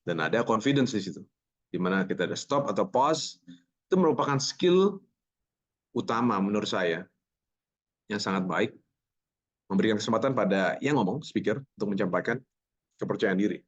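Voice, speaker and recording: A man's voice: lowish voice, expressive, normal speed, pauses often, slightly rough. A man teaching a public speaking workshop who talks energetically, jokes with participants and drops English words into his speech. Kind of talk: online voice workshop. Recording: slightly muffled lo-fi audio.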